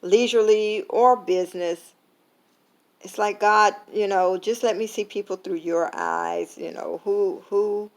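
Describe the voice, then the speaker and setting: A woman's voice: mid-range voice, fairly even intonation, unhurried. A tired woman talking casually to camera, full of fillers, retelling an everyday story with quoted lines. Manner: conversational, many fillers, retelling with quoted dialogue. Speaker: vlogger sharing a faith lesson. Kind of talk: casual reflective talk to camera.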